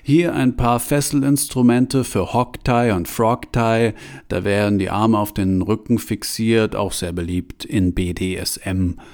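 A man with a low voice reading a male museum guide who cheerfully lectures on torture devices. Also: fairly even intonation, a little slow, a little mellow. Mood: relishing. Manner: cheerful, lecturing, relishing detail. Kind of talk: audiobook reading.

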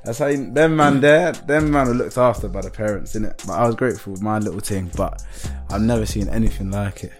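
Young london roadman guy, lowish voice, loads of slang, just chatting w his mate, bit of music behind. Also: brisk, hardly any pauses. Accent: London roadman (Multicultural London English). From North London, England. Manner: heavy London street slang. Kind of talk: casual chat, reminiscing with a friend.

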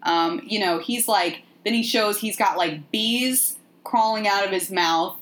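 Woman podcast host, animated and joking, casual movie recap. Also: mid-range voice, a little slow.

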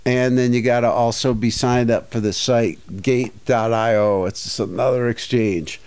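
A man with a smooth, resonant voice chats on a podcast. He rambles through stories and breaks into little acted asides along the way. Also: medium pitch, fairly even intonation, moderate pace, darkish tone. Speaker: podcast co-host. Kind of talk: casual chat.

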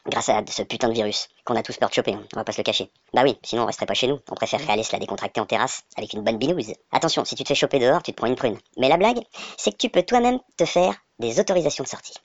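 Male comedian, rapid-fire sardonic monologue, dry and slightly dull recording. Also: mid-range voice, animated, no echo. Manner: rapid, crude, sardonic delivery. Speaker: comedian narrator. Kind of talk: comic monologue vlog.

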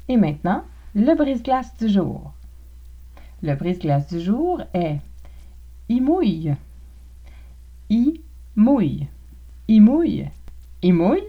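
Woman, Québécois accent, podcast teacher, low voice, slightly dull lo-fi sound. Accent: Québécois French. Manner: clear, slow model pronunciations for learners to repeat. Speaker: podcast host teaching Quebec French.

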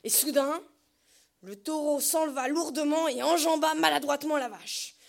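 A woman narrating a novel as an audiobook, measured and dropping soft at the ends of phrases. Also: sits high, gravelly.

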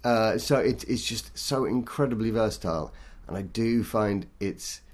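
A man, a poet, talking thoughtfully and self-deprecatingly in an interview, in a halting way. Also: on the low side. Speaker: poet guest. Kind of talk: interview conversation.

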